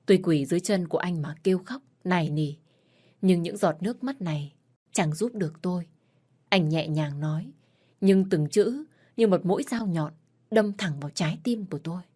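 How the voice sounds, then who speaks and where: A woman's voice: fairly low pitch, moderate pace, dark tone. A woman narrating a sad first-person story with an emotional delivery. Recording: faint background music.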